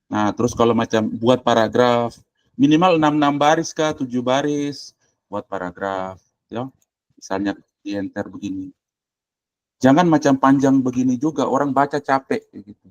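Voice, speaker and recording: This man, a university lecturer, speaks at normal speed in a medium-pitched voice with no room sound. During informal screen-share tutoring on a video call, he's blunt and directive, using casual language and thinking aloud while clicking.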